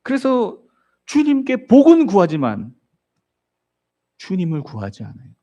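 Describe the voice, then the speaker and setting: A man's voice: high-pitched, wildly swooping pitch, measured pace, warm tone, highs cut off. A male pastor preaching a sermon, telling the story vividly and putting rhetorical questions to the congregation. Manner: storytelling, acts out voices in the story.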